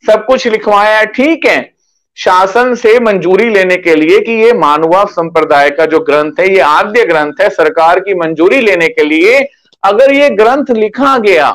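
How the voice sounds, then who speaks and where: A man's voice: high voice, animated, unhurried, a bit bright, rough recording. A man giving an earnest sermon, turning to address elders in the audience. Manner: earnest, addresses elders directly, mixes Hindi and Marathi. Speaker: religious preacher.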